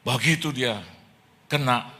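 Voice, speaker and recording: A man preaching a sermon as pastor, telling lively stories with jokes and acted-out dialogue, in a church. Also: medium pitch, slow.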